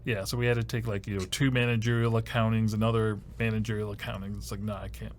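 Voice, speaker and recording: Speaking fast and flat in a lowish voice, this Ohio man in his fifties answers interview questions on his podcast, recorded in a studio with a little hiss or hum. He's a host and first-year university advisor whose answers wander, peppered with "you know" and deadpan humor.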